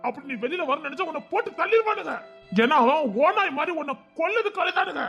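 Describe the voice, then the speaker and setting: A man's voice: extremely high pitch, lively intonation, quick pace, creaky, soft background music, voice pushed up, full character voice. A man with a Tirunelveli Tamil accent voicing an urgent, scolding older-brother ally in an audio story. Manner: pressing, scolding, rising to shouts. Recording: dull lo-fi recording.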